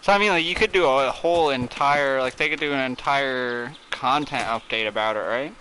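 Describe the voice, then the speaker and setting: A young man talks over his gameplay in a bright, forward voice, thinking out loud about ideas for the game. He rambles loosely and fills his sentences with filler words. A faint hiss of noise sits under the voice. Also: medium pitch, moderate pace, poor audio. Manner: rambling, filler-heavy brainstorming. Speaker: gamer. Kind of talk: casual gameplay commentary.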